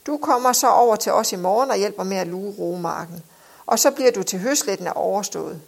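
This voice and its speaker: A blustering, domineering sea captain, as a woman narrator puts him on, who talks down to everyone and gives orders. His voice has a gravelly edge. He sounds like a figure in a read-aloud storybook. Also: medium pitch, natural voice. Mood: commanding. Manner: commanding, condescending.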